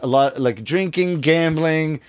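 A man's voice: fairly high pitch, measured pace, clear, resonant tone, no echo. A middle-aged man, a rakugo storyteller, talking in a casual interview and acting out the voices of people in his stories. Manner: animated storyteller, acts out quoted voices.

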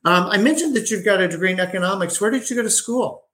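A man's voice: high-pitched, quick pace, a bit bright. A man hosting an interview show, upbeat and chatty, with frequent fillers and restarts. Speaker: podcast host.

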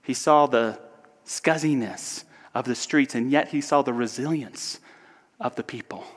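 Man with a mid-range voice, soft and earnest, giving a reflective spiritual talk in a long-reverb hall. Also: mid-range voice, a little slow. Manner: soft, earnest, drops to whispers. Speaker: speaker.

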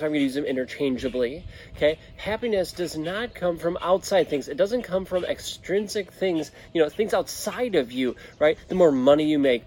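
Higher-voiced man hosting outdoors in open air. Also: a little mellow. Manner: earnest, encouraging, conversational. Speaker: host of a podcast and vlog show. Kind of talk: casual motivational talk to listeners. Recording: outdoor ambience with clear background noise. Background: birds, occasional traffic, some wind.

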